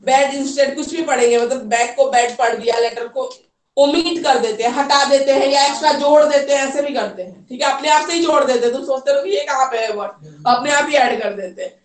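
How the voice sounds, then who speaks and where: A woman lectures a class of trainee teachers in a high, clear voice, pausing often to check that everyone is following. She sounds distant from the mic, and her voice echoes around a hard classroom. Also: a little hiss or hum. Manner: explains with repeated "theek hai", mixes English terms. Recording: echoey room, voice from far off.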